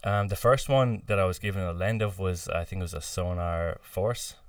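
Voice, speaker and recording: A man from near Boston, a podcast guest, telling stories in relaxed, casual chat with lots of fillers. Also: low voice, normal speed, smooth, no room sound, distant mic. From United States, near Boston. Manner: relaxed storytelling with many fillers and laughs.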